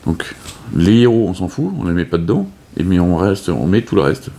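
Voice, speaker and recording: A board game video host explains a game's setup in a casual, unscripted tutorial, hesitating often with fillers and restarts. His voice is low, expressive, and mellow, at a normal pace.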